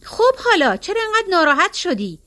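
A woman reading as a blunt, brisk middle-aged woman. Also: extremely high pitch, very animated, pushed and bright, pitched above the performer's own voice, heavily acted. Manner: blunt, teasing, matter-of-fact.

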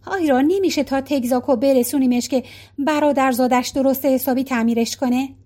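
A woman's voice: high voice, mellow. A woman reading a storybook voicing a carefree, scatterbrained middle-aged woman who answers offhandedly. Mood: airy.

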